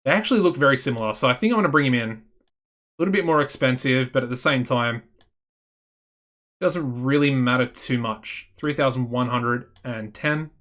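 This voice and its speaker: Australian man, casual game commentary, chatty, excitable, thinking aloud, mid pitch. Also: moderate pace. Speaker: gaming channel host.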